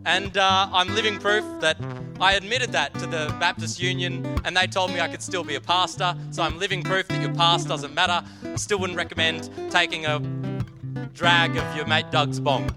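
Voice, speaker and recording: A man's voice: sits high, steady tone, moderate pace. A male pastor giving a humorous sermon, telling jokey, self-deprecating stories. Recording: long hall reverb, faint music.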